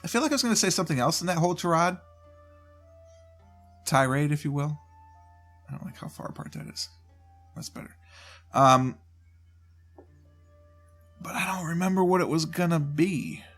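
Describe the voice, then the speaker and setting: This man's voice runs a little high, a bit bright, and expressive, moving at a moderate pace with frequent pauses; he's stuffed up from a cold. A gaming channel host, he rambles through a casual channel update on his home desk mic, voice only, interrupting himself as soft music plays.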